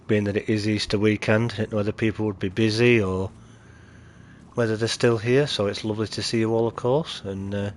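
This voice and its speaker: A lowish, darkish-toned British man commentates on a game he's streaming live, chatting and saying hello to viewers. His allergies give him a nasal, chesty sound, and there's slight background noise.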